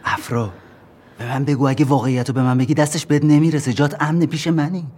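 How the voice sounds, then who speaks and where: An actor playing a controlling young man who speaks calmly and soothingly, with a needling edge. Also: fairly high pitch, lightly acted.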